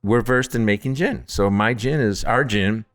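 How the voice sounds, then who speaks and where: A man's voice: fairly low pitch, moderate pace, no room sound, studio quality. A man from Upstate New York, a distillery founder, telling stories casually in an interview, acting out quotes with jokey, self-deprecating humor. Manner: animated storyteller who acts out quotes, jokey and self-deprecating.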